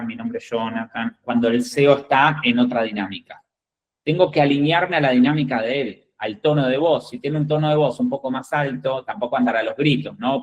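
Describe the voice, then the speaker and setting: A male executive recruiter with an Argentine accent and a mid-range voice lectures job candidates. His style is emphatic and direct, punctuated by frequent "¿bien?" and "¿ok?" check-ins. The audio is poor.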